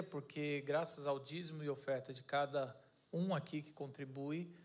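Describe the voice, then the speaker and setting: A man preaching a casual sermon, joking and correcting himself as he goes. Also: a little high. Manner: chatty, jokey, self-correcting. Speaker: pastor.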